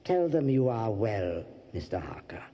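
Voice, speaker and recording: An actor playing a proud, ancient Transylvanian vampire count with a husky, dark voice and a slow, grandiose, commanding manner in an audio drama. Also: male voice, lowish voice, very animated. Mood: commanding, menacing. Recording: dull, muffled lo-fi audio.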